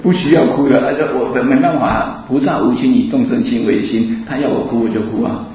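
A man giving a Buddhist dharma talk to an audience, asking them lively rhetorical questions and laughing in between. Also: mid-range voice, a little fast. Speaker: Buddhist teacher. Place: hall with an audience. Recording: echoey hall, distant mic, dull sound.

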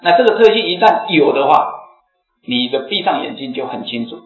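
A slightly hoarse man giving a Buddhist dharma talk to a seated audience, explaining and chanting examples aloud. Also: on the high side, big pitch swings, fairly quick. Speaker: Buddhist teacher. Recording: echoey phone-like lecture recording, faint music.

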